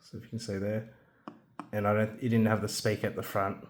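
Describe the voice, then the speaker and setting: A man with a young son demonstrates a handheld radio kit casually and hesitantly, with plenty of ums and restarts. He talks a little fast in a low voice that barely moves in pitch.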